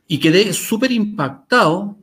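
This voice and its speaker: Here the Chilean-accented interview guest sounds high and animated, unhurried, with a fairly bright tone and a breathy edge. He chats through stories and commentary, speaking articulately and emphatically and driving points home with repeated phrases.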